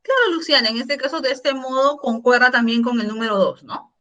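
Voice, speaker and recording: A woman's voice: high-pitched, brisk, sharp tone. A middle-aged woman teacher explaining a grammar lesson patiently, asking her students questions and repeating examples. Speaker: secondary school language teacher. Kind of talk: online class explanation.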